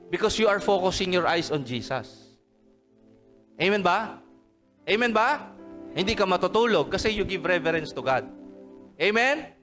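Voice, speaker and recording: A man's voice: high-pitched, fairly bright tone. A man with a Filipino accent, a pastor preaching a sermon at a worship service, switching between English and Tagalog and calling out "Amen?" to his congregation. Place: church service hall.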